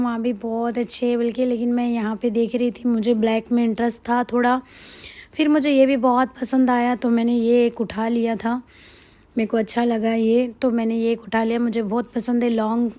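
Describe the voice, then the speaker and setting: A high, mellow-toned woman talks through a casual vlog voice-over. Her throat is hoarse from a cold, and she rambles chattily, circling back to the same points again and again. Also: level tone, normal speed. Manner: chatty, rambling, repeats herself. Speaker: shopping vlogger.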